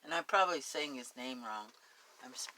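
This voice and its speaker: A woman's voice: extremely low pitch, lively intonation, a little fast, sharp tone, a little hiss or hum, poor audio. A woman with a Spanish accent reading a story aloud, stopping for chatty, homey asides. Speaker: story reader.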